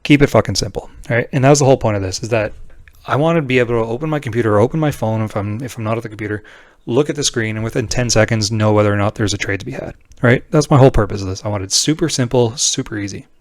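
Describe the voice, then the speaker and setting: A man with a mid-pitched voice talks through a tutorial off the cuff. He is informal and blunt, checking in often with a short "right?" The sound is dry, with no room around it. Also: rapid-fire, no echo. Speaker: trading tutorial presenter. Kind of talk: casual screen-share tutorial, unscripted explanation.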